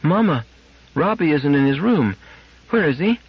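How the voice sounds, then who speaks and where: Eager, pleading little girl for an audiobook, acted by a man; lifted pitch, dull lo-fi recording. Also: very animated, normal speed, slightly rough, no room sound, exaggerated voice. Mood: anxious, tearful. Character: excited, trusting little girl, bubbly then worried. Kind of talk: audiobook character acting.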